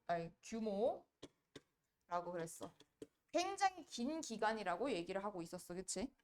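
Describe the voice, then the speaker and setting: A woman teaching an English grammar lesson, quizzing her students with quick rhetorical questions. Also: fairly high pitch, clear, resonant tone. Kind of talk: exam-prep grammar lecture.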